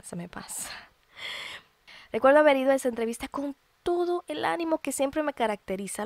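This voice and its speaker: A Dominican podcast host in her early thirties shares a personal testimony, heartfelt and expressive, dropping colloquial asides along the way. Her voice is a little high, and there's no room sound.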